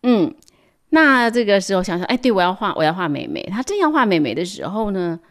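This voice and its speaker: A woman reading a picture book aloud to children, animated, with playful sound words and hushed asides. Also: medium pitch, fairly quick. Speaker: storyteller. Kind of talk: storybook read-aloud for children.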